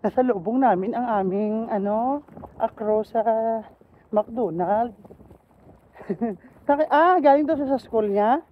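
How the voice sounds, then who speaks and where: A man with an Ilonggo accent chatting casually on a walking vlog outdoors, playful and quick to laugh. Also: very high voice, narrow, tinny audio, slight background noise. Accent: Ilonggo Filipino. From Philippines. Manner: playful, laughs often, jokes around. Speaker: vlogger. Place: outdoors on a cold street.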